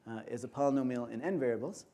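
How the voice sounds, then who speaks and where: A man giving an academic conference lecture in an auditorium, explaining step by step in a measured way. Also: mid-range voice, warm tone.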